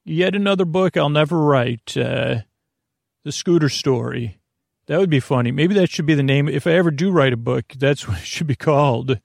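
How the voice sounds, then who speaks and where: This podcast host's voice is creaky, slightly high and a little mellow, and he wanders through mumbled fragments and side tracks, pausing often, to ease his audience into sleep. The studio-quality audio has no echo.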